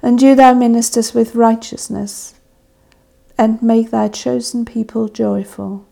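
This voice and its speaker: A woman with a mellow, slightly raised voice and a gravelly edge intones the liturgy of a church service. She leads the prayers and readings with a measured, solemn delivery. Her pace is very slow. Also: on the high side, fairly even intonation. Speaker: service officiant.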